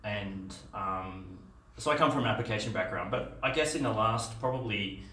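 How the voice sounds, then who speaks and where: Giving a casual meetup conference talk full of fillers and restarts, the middle-aged Australian speaker has a fairly low, pushed, bright voice at normal speed. He's in a dim room with a projector screen, picked up by a far camera, so the sound is echoey and distant with slight background noise.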